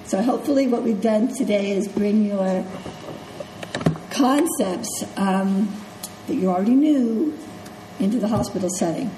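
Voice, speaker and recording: In a mid-range, congested voice at a measured pace, a middle-aged nursing instructor lectures conversationally and checks in with "okay?" and "right?" The echoey classroom recording has faint ambience and a noisy background.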